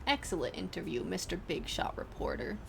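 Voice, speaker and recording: A woman's voice: on the low side, very animated, brisk, creaky, noisy background, voice pushed down, exaggerated voice. A woman doing a smug scheming campaign manager.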